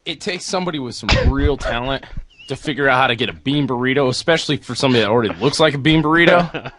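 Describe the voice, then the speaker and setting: A man's voice: medium pitch, fast talker, background noise. A man co-hosting a casual podcast, cracking sarcastic jokes. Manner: sarcastic, joking, lively delivery. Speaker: podcast co-host. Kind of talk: casual chat.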